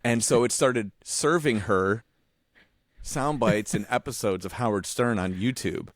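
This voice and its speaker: Low-voiced and speaking at a measured pace in a dry recording, a forties-aged visual artist co-hosts a podcast, casually telling animated stories. He rambles and restarts his sentences, swearing casually along the way.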